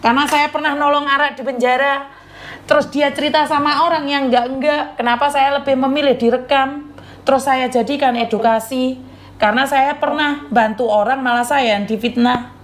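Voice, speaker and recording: A woman's voice: high-pitched, fairly even intonation, normal speed. A woman host, sternly lecturing her audience and repeating warnings. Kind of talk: lecturing live chat.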